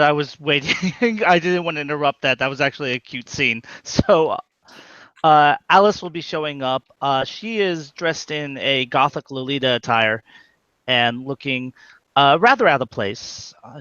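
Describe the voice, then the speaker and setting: A man describing his character's actions in a tabletop game, halting with many uhs. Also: medium pitch, a bit bright, clean tone, dry recording. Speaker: player. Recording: dull, dry lo-fi mic.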